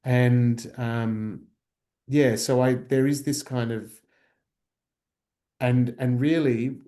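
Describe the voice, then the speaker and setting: A man's voice: mid-range voice, level tone, very slow, dark tone. A man, a researcher, talking reflectively in a workshop, thoughtful and searching, with many fillers and restarts. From Australia.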